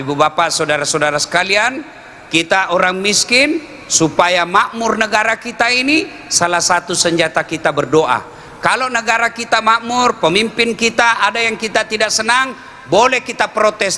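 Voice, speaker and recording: Man, comic sermon, bright forceful voice, slightly high, faint ambience. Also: normal speed, a little hiss or hum. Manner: animated, rising to loud exclaimed questions and shouts; acts out quoted voices with big pitch swings. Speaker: preacher. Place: live event with audience.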